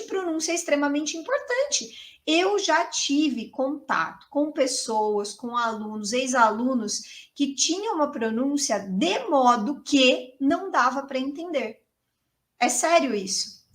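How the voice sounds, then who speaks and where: A Brazilian woman teaching English in a chatty, emphatic video lesson, repeating key words for stress. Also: sits high.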